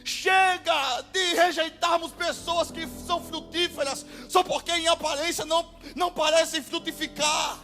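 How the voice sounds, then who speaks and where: A man with a Brazilian Portuguese accent preaching a sermon as pastor, impassioned and bursting into shouted exclamations. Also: very high-pitched, steady tone, moderate pace, few pauses. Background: faint music.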